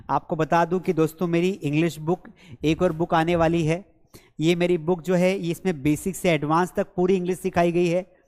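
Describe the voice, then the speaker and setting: A man teaching English grammar in a live online class, repeating example sentences slowly and checking that students follow; his first language is Hindi. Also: a little high, darkish tone, big-room sound. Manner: slow, drilled repetition of example sentences; coaxing, checks understanding with repeated questions. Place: studio with a board and screens.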